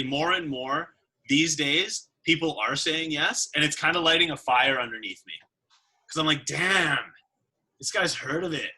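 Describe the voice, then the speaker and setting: A man giving a casual sales training talk, animated and acting out quoted dialogue. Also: on the high side, husky.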